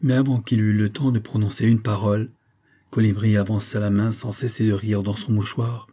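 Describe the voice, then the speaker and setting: A man reads a classic story aloud at a measured, even pace. His voice is low, mellow and slightly husky. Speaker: audiobook narrator. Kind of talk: scripted literary narration.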